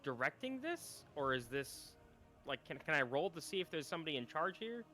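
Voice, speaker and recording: A casual man at a tabletop game, curious and quick to swear. His voice is bright and forceful, with faint music in the background. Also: a little high, very animated. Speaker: player.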